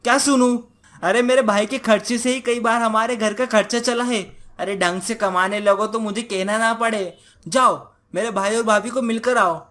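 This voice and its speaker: Scolding village wife, raised high voice, played by a male narrator. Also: steady tone, moderate pace, fairly bright tone. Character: nagging village wife, young adult, sharp-tongued.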